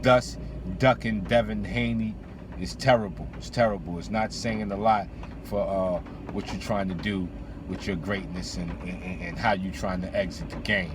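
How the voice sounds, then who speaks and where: A low-pitched man with fairly even intonation hosts boxing talk at a moderate pace, casual, opinionated and slangy, repeating phrases for emphasis. He's in or beside a vehicle, with background noise.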